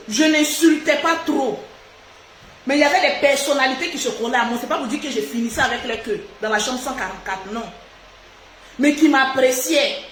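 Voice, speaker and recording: A woman hosts a casual live stream and talks straight to her viewers, outspoken and animated. Her voice sits high. The room is echoey, with a faint hiss underneath.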